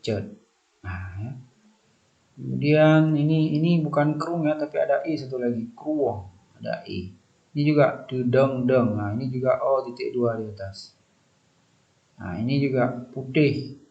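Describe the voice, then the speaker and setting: A patient man walks a student through corrections to a draft, sounding out letters and marks again and again. His voice sits in a middle pitch. The recording is dull and lo-fi. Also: measured pace, gravelly, long pauses. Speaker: thesis supervisor. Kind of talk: reviewing a student's draft aloud.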